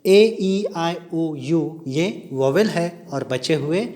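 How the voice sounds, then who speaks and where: A male polytechnic English lecturer with an Indian accent. He reads spelling rules out slowly in English and then explains them quickly in Hindi. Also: on the high side, mellow. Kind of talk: recorded classroom lecture.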